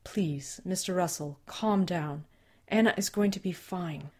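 A woman voicing a calm, formal male agent who speaks in a careful, deadpan way. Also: on the low side, measured pace, breathy edge. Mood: measured.

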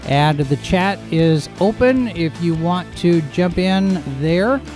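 Guy hosting a livestream, slightly high voice, casual news chat, keeps wandering off, faint music behind. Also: takes it slowly, darkish tone. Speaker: host and editor of a live show.

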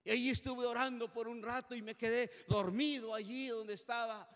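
A man preaches a heartfelt testimony in a strikingly high voice. He speaks earnestly and swells into fervent prayer, and every word trails off in the long reverb of a large hall. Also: steady tone, normal speed, fairly bright tone. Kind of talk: emotional testimony sermon.

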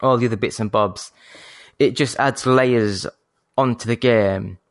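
A Yorkshire man hosts a casual gaming podcast in a mid-range, fairly even voice with no room sound. His manner is polite and measured, like someone trained on the phone.

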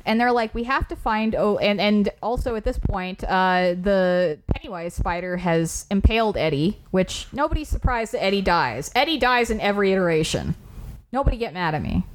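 A woman's voice: medium pitch, lively intonation, moderate pace, a little hiss or hum. A woman co-hosting a casual movie podcast, talking in a chatty way with casual swearing and quotes acted out. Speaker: podcast co-host. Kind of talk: casual movie review chat.

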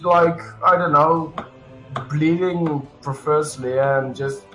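A man's voice: a little high, fairly even intonation, takes it slowly, a bit bright, soft background music. A man playing a tabletop game in a brash, blunt and profane way. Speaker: player. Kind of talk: casual tabletop play. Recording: roomy echo.

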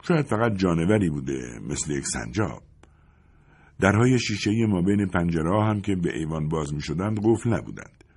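Male audiobook narrator, very low voice, lively intonation, husky.

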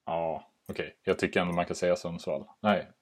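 A man co-hosts a podcast in loose, casual chat. His voice sits very low, and he laughs at his own mishaps and swears offhandedly. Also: fairly even intonation. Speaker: podcast co-host.

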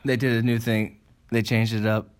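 A man's voice: medium pitch, level tone, moderate pace. A young man hosting a casual podcast, rambling with many fillers and frequent laughs. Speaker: podcast host.

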